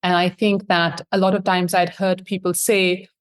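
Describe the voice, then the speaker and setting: A woman's voice: on the low side, flat delivery, moderate pace, clear, resonant tone. A woman in her thirties from Pakistan, an admissions consultant answering interview questions in a friendly, reflective way.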